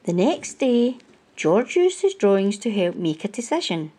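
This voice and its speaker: Slow, lively storyteller phrasing carries this picture book reading, delivered by a woman hosting storytime for children. Her voice has a medium pitch and a soft, mellow edge.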